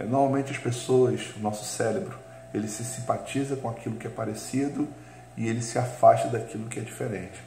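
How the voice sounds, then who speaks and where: Male coach, mid-pitched, hesitant fillers, answers his own questions; roomy recording with a faint hum. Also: darkish tone. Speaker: coach giving teacher training. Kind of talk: instructional talk. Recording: echoey room with faint hum.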